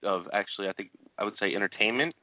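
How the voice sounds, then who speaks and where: A man's voice: fairly low pitch, fast, no room sound. A man co-hosting a casual political talk radio show, talking hesitantly and hedging his claims. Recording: dry, tinny phone-like audio.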